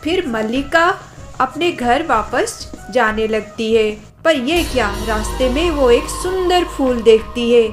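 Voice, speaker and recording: Woman narrator for a kids' cartoon story, very high voice, slow delivery. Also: lively intonation, music in the background.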